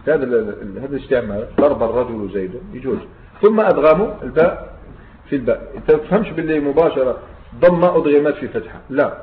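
A man's voice: mid-range voice, lively intonation, fast, slight background noise. A man with an Algerian Arabic accent, an Islamic scholar giving a classroom grammar lesson who explains step by step and keeps checking that his students follow. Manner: explains step by step, often asks students "understood?". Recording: echoey room on a tinny, phone-like line.

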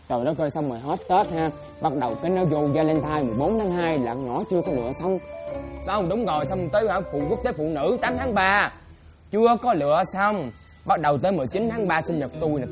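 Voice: mid-range voice, close to an everyday voice. Someone doing a rambling old fairy spirit. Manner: long rambling comic rants, quick exclamations. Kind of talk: comic sketch acting.

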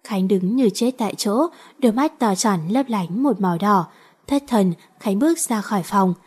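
A woman narrating a romance novel in a steady, even storytelling manner. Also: mid-range voice, moderate pace, breathy edge. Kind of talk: audiobook reading of a romance novel.

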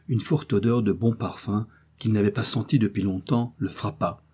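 A man narrating a literary story in measured, expressive tones. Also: fairly low pitch, husky. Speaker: audiobook narrator.

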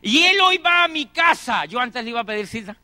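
High, bright-voiced man telling stories. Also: very animated, fairly quick, no echo. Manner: repeats phrases for emphasis, acts out dialogue. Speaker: motivational speaker. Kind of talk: motivational talk with acted anecdotes.

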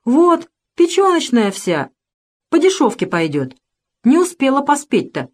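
A woman's voice: high voice, huge pitch swings, unhurried, voice pushed up, exaggerated voice. A woman voicing a nitpicking, callous male shop clerk who grumbles while haggling. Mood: grumbling. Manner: grumbling, haughty.

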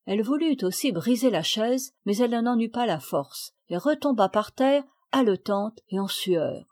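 A woman reading an audiobook of a classic children's story in a steady, clear storytelling manner. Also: on the high side, normal speed, no room sound, clean studio sound. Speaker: audiobook reader. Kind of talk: scripted narration.

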